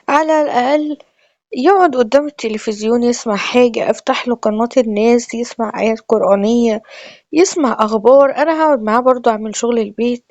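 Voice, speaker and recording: Fast-talking Egyptian woman storyteller. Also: on the high side, darkish tone, no room sound. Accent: Egyptian Arabic. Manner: chatty, confiding and emotional. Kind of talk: first-person storytelling. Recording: dull lo-fi dry recording.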